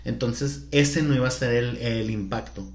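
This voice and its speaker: A man's voice: medium pitch, moderate pace. Man, co-host, easygoing explainer in a roomy echo. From Culiacán, Mexico. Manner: chatty, explanatory, laughs easily. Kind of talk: casual chat.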